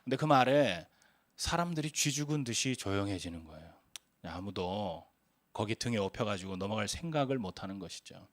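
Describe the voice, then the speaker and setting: A man's voice: fairly low pitch, animated, moderate pace, no room sound. A man in his forties preaching a sermon as a pastor, telling stories earnestly with frequent hesitant fillers.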